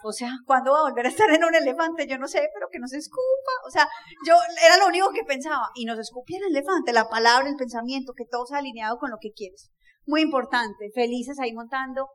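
Motivational speaker, woman, middle-aged, high voice, jokey and direct with the audience. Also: lively intonation, quick pace. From Colombia. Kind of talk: storytelling talk to an audience.

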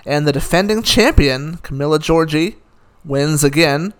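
A man's voice: a little high, a little slow. A man giving a casual, opinionated recap of the day's tennis results, rattling off scores with dry asides. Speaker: tennis commentator.

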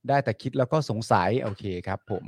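A man co-hosting a casual live stream, animated and teasing, reading out viewer comments and jumping into sudden excited bursts. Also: medium pitch, fast talker, dry recording. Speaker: co-host.

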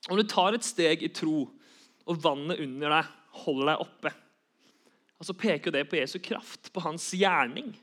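Young guy preaching a sermon, earnest, keeps repeating phrases, voice a bit high. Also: fairly bright tone.

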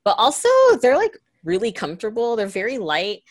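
A woman's voice: mid-range voice, lively intonation, fairly quick, no room sound. A woman co-hosting a podcast in casual chat, blunt and offhand with casual swearing. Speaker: podcast co-host.

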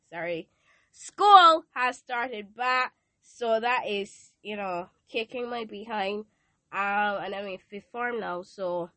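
A Barbadian teenage girl, nasal with a cold, hosts a casual devotional podcast in a chatty, playful style and poses questions to her listeners. Her mid-range voice has a sharp tone, recorded dry in a hot room where a fan is running.

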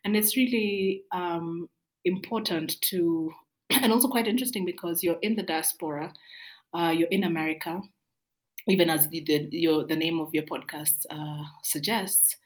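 Low-voiced woman, measured podcast guest. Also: steady tone, rough recording. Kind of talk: casual conversational interview.

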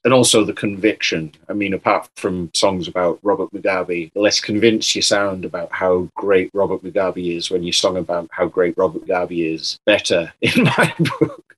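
Low-voiced man, opinionated and sweary. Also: moderate pace, fairly bright tone, poor audio. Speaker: podcast co-host. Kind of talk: casual music chat.

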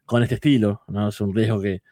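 A man's voice: on the low side, fairly even intonation, brisk, warm tone, no echo, clean studio sound. A man co-hosting a wrestling podcast with casual, conversational reviews.

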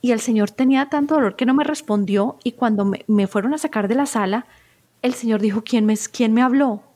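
Talking fairly quickly in a voice on the high side with a slightly mellow quality, a middle-aged spiritual therapist tells personal stories during an interview. She comes across as earnest and heartfelt in this conversational guest appearance.

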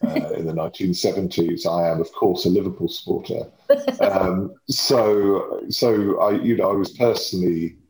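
In an echoey room, a fifty-something lobbying and communications professional from Surrey gives an interview in a low, slightly mellow voice with a home counties English accent. He speaks conversationally at a moderate pace with fairly even intonation, articulate but frequently hedging and correcting himself.

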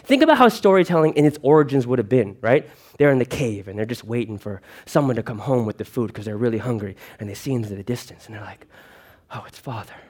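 A man speaking to a church congregation, giving an earnest personal testimony and telling animated stories. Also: mid-range voice, fast talker.

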